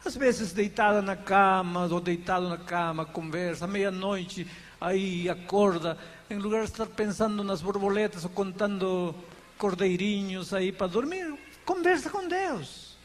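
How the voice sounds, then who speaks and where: High-voiced male pastor preaching in a hall. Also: a little slow. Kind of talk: sermon. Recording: long hall reverb, faint background noise.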